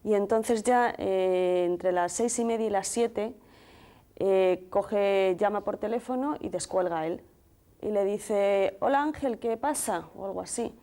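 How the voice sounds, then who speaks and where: Woman with a mellow, dark voice, from Madrid. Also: mid-range voice, fairly even intonation. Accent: Spanish from Madrid. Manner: measured, detailed retelling with quoted dialogue. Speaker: guest, sister of the deceased. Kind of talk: emotional first-person account in a TV interview.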